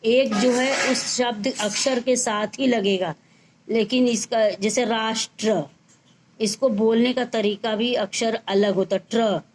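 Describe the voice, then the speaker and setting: Slow woman teacher spelling words out. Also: on the high side, fairly even intonation, a little hiss or hum, rough recording. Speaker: school teacher. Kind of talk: grammar lesson.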